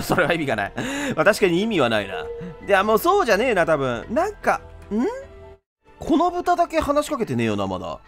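A man giving animated let's-play commentary in rough, casual speech, often laughing. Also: high voice. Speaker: game streamer.

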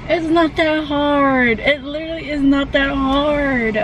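A woman's voice: high-pitched, slow, some chatter behind. A young woman chatting casually with a friend, swearing often and breaking into laughter as she tells stories. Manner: swearing, laughing, animated storytelling. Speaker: vlogger. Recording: distant mic with loud background noise.

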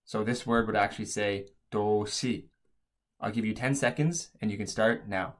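A man's voice: fairly low pitch, fairly quick. A man narrating an instructional language lesson as a teacher, explaining things step by step.

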